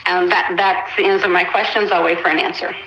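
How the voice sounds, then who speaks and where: A woman's voice: on the low side, steady tone, brisk, dull audio, a little hiss or hum. A woman calling in over a phone on speaker, methodically reading a list of questions as a public commenter at a council meeting. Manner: methodical, lists questions one by one. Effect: heard over a phone on speaker. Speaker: caller making public comment.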